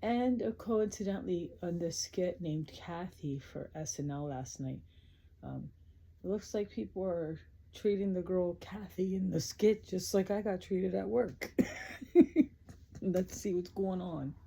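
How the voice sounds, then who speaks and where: Low husky woman rambling casually. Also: a little slow, dark tone. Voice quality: rambling, blunt, swears freely. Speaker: crafting vlogger. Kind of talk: casual late-night chat.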